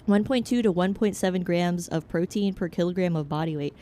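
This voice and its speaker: Low-voiced chatty woman streamer. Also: brisk, mellow, a little hiss or hum. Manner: chatty, rambling, jumps between topics, frank and joking. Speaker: VTuber streamer. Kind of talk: casual chat, answering chat while gaming.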